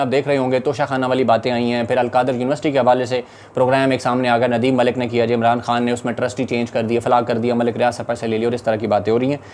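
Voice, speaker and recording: A man with a Pakistani Urdu accent delivers rapid-fire political commentary. His tone is urgent and indignant, at a middle pitch. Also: a little mellow.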